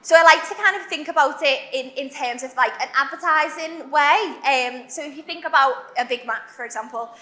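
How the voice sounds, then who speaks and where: A young woman from Liverpool, England, gives a conference talk in a large warehouse event hall with echoey acoustics. Her high, bright voice comes fast and chatty, self-deprecating and packed with fillers.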